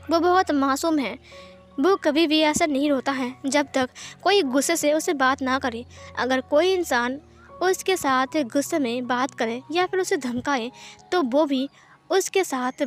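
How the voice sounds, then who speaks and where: A woman narrating a fan fiction story, reading it in a plain storytelling manner. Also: high voice. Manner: plain storytelling with many speech tags.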